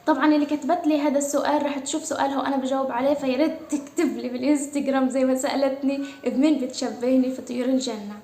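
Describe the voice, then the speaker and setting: A woman's voice: sits high, fairly even intonation, very fast, few pauses, mellow, roomy sound. A young woman from Gaza with a Palestinian accent, chatting casually as she answers her followers' questions, with many hesitant fillers. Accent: Palestinian Arabic. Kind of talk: casual Q&A vlog.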